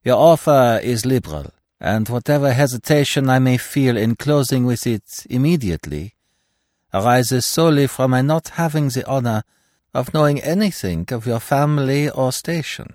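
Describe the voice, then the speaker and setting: A man reading a classic tale aloud, voicing a cautious painter who speaks with formal courtesy, higher than his narration. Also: moderate pace, a little mellow, dry recording, clean studio sound, natural voice. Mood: polite, wary. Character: cautious older male painter, polite and careful.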